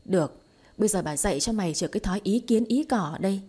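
A woman's voice: medium pitch, expressive, fast, warm tone, slightly rough. A woman reading the part of a harsh, domineering older mother-in-law who scolds shrilly, in an audio story. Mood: furious.

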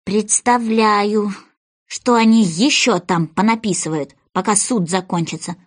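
A woman voicing a curious little girl who speaks in hushed, indignant remarks. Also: mid-range voice, a little slow, close to an everyday voice.

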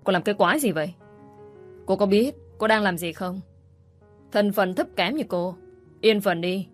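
A woman's voice: mid-range voice, measured pace, faint music behind, lightly acted. Woman reading as a spiteful scolding young woman. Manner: harsh, scolding. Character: spiteful scheming young woman, shrill bully.

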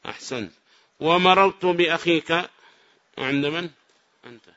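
A man teaches a grammar lesson, praising his students' answers and calling on them with questions. His voice sits a little high and sounds bright. The recording is muffled and lo-fi. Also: moderate pace. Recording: dull lo-fi recording.

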